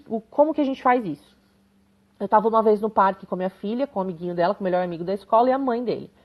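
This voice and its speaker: A woman in her thirties giving a live parenting talk, chatty and conversational, often checking in with her viewers. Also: on the high side. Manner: conversational, frequent tag questions, reads comments aloud. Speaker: parenting educator.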